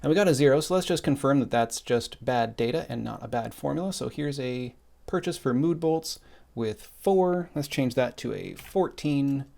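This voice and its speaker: A man teaching a screen-recorded spreadsheet tutorial, explaining in a calm, methodical way while he types. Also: mid-range voice, moderate pace, creaky. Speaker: instructor.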